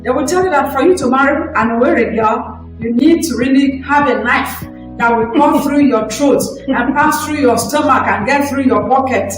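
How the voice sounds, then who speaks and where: A woman hosting a talk show, presenting with an emphatic, drawn-out delivery. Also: sits high, heavy reverb, distant mic, soft background music, poor audio. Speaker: host.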